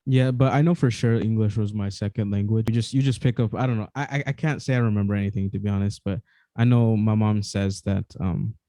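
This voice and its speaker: A man from Mexico with a very dark, mellow and fairly low voice chats casually on a podcast. He hesitates and restarts often, recorded dry and close. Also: fairly quick, no echo. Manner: relaxed, hesitant, many restarts.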